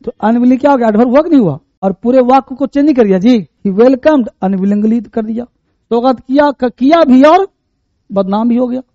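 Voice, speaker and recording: Animated high-voiced male teacher. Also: a little fast, no echo. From India. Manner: animated, acts out everyday scenes to explain. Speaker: English grammar teacher. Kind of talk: classroom lecture. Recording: muffled, slightly lo-fi sound.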